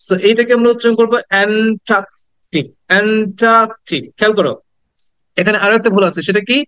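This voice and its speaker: A man with a Bangladeshi accent teaching English pronunciation to a class, mixing Bengali and English and slowly repeating each word for students to say after him. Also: sits high, fairly even intonation, clear, resonant tone, dry recording, rough recording.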